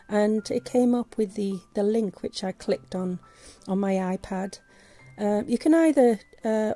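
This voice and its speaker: This is a vlogger's voice-over on a screen recording: a woman with a mid-range, dark-toned voice who is losing it to a sore throat. She talks through a casual tutorial hesitantly, with plenty of fillers and restarts.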